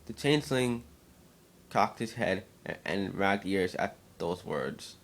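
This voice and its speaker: This fan tale is told storybook-fashion by a man whose voice sits fairly low, with a slow pace and vocal fry. It's an amateur read, marked by occasional slips and doubled words.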